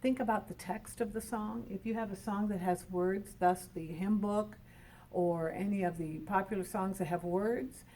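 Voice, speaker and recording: A woman giving a piano lesson, explaining each point plainly and slowing down to show it. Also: medium pitch, fairly even intonation, mellow, slight background noise. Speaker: piano teacher. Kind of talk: instructional talk. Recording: voice from some distance from the mic.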